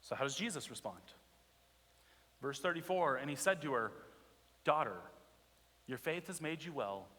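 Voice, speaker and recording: A man's voice: on the high side, animated, normal speed, pauses often, a bit bright, long reverb tail. A man preaching a sermon as a pastor, telling stories animatedly and asking the congregation rhetorical questions. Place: church sanctuary.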